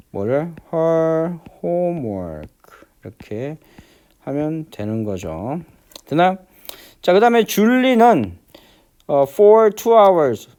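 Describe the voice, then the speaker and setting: A man teaching an English grammar lesson, walking through exercises step by step and constantly asking whether students follow, stretching out the English words slowly. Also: on the high side, a little mellow. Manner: repeats check-in questions, many fillers; slows down to spell out English words.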